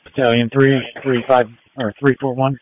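A man on an ambulance crew calls dispatch over a two-way radio handset, using clipped, procedural phrases in a level, medium-pitched voice at a moderate pace. The recording is dry, with narrowband radio sound, static and clicks.

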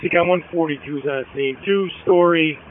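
A man gives a short firefighter's report by two-way radio. His voice sits slightly high, with faint background noise from a vehicle. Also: moderate pace, phone-quality sound.

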